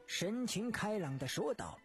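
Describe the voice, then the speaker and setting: A storyteller narrating a dramatic tale in an expressive, measured way. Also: medium pitch, faint music behind.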